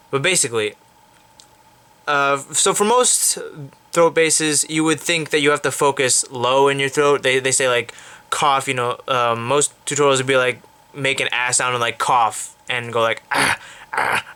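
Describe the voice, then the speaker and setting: A man's voice: medium pitch, sharp tone, smooth. A man hosting an unscripted beatbox tutorial, explaining in a rambling, casual way full of fillers and restarts.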